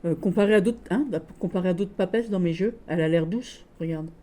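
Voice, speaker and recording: A tarot vlogger chats briskly and affectionately with her viewers about her tarot decks. Her fairly low voice is soft and mellow, and her loose, friendly talk is full of "voilà".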